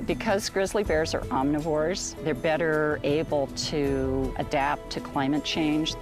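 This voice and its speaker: A woman's voice: low voice, steady tone, a little slow, music in the background. A woman explaining her wildlife research in an unscripted documentary interview.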